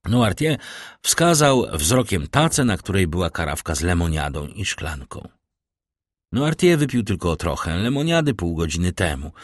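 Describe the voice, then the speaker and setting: A man narrating an audiobook in an expressive storytelling manner. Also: deep voice, normal speed, no room sound, clean studio sound.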